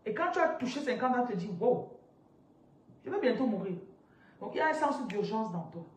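A woman in her thirties, a spiritual business coach, teaching on a live stream in an animated, interactive way and reading out viewers' comments from a chair indoors. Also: on the high side, fairly quick. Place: indoors, seated on a large ornate chair. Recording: roomy echo, somewhat distant from mic, faint noise.

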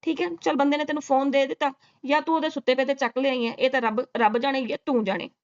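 A woman's voice: high-pitched, steady tone, fast talker, lo-fi sound. A woman doing sarcastic reaction commentary, scolding and mocking with rhetorical questions. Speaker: reaction vlogger.

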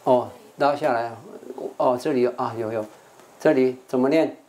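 A man's voice: medium pitch, normal speed, darkish tone, slight background noise. An older man, a monk from Taiwan with a Taiwanese Mandarin accent, teaching an English vocabulary class and repeating words for students. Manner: repeats words to drill pronunciation, coaxing the class.

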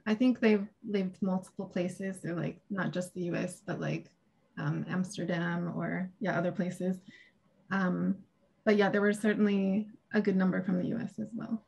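Woman with gravelly casual delivery. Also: lowish voice, fairly even intonation, moderate pace, a little mellow. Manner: casual, hesitant, laughs often. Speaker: academic presenter. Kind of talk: conference presentation and Q&A. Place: small home room with shelves. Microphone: video call webcam.

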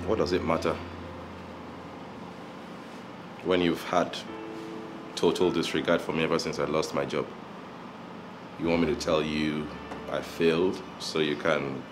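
A proud, resentful husband in his thirties. His low voice is indignant and emphatic, with music under it, in a film drama. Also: little pitch movement, measured pace, long pauses. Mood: bitter.

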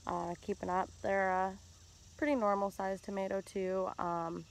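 A woman casually narrating a tour of her outdoor garden while filming on a phone, relaxed and chatty with lots of ums. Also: medium pitch, unhurried, creaky. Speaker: home gardener vlogger. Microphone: handheld phone camera.

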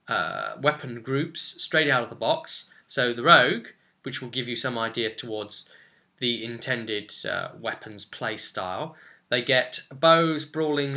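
In a small furnished room at home, a man in his twenties talks to camera, giving an informal tutorial explaining tabletop roleplaying. His voice is mid-range with a sharp tone.

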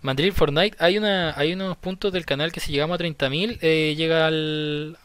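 A man's voice: fairly high pitch, steady tone, moderate pace, fairly bright tone, clear, resonant tone. A young Chilean man streaming a horror game live, nervous and swearing, repeating lines when scared. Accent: Chilean Spanish. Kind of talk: live horror gameplay commentary.

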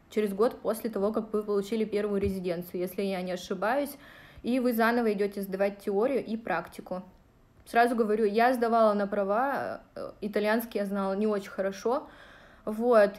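Her voice medium in pitch and a little mellow, a woman in her thirties from Russia talks casually to livestream viewers, answering their questions directly and filling gaps with plenty of fillers. It's captured on a phone at arm's length in a small room.

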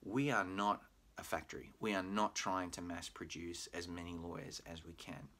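A middle-aged Australian man who manages a pre-law program talks prospective students through it in a recorded admissions presentation, filmed by webcam in a small room at home with a bookshelf. His very low voice is bright and forceful, with fairly even intonation and a moderate pace. He is friendly and patient, dropping in frequent "uh"s.

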